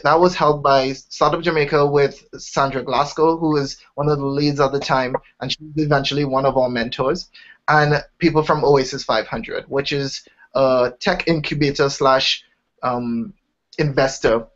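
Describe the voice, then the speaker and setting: At medium pitch and normal speed, with a steady tone, a young man from Trinidad and Tobago eagerly explains his startup's story in a Trinidadian accent. He often restarts his sentences during this casual interview, which has a dull, lo-fi sound.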